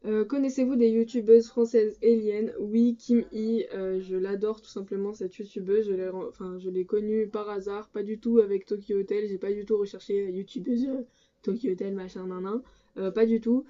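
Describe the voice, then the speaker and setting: Chatty teen girl with a dark, muffled sound. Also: mid-range voice, fairly even intonation, normal speed. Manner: chatty and hesitant, lots of filler sounds and restarts. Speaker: book and music vlogger. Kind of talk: casual chat answering a fan tag. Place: her room in an apartment. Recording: dull lo-fi sound.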